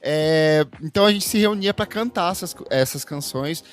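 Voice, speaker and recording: This is a Brazilian man co-hosting a music podcast, telling family stories in a chatty, warm way. His voice sits a little high, and he restarts his sentences often. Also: normal speed. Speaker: podcast co-host. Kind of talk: casual chat.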